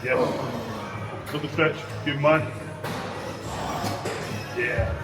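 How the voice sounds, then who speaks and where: A man's voice: medium pitch, fairly even intonation, drawn-out words, music in the background. A man hosting a casual gym vlog as a coach, with matey gym bro talk and some swearing. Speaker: host and training coach.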